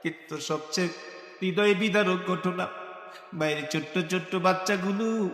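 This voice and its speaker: Over loudspeakers at a big religious gathering, a male Islamic preacher sings a waz sermon, his chanting melodic and wailing. The voice sits high and is a bit bright, at a moderate pace, and the recording carries hall echo and faint music.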